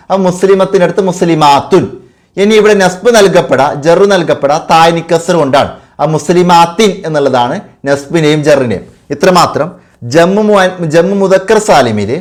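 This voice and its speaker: Man, teacher, revision lesson, repeats terms, asks and answers himself. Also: a little high. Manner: patient, repeats key terms, asks and answers own questions. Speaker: madrasa teacher.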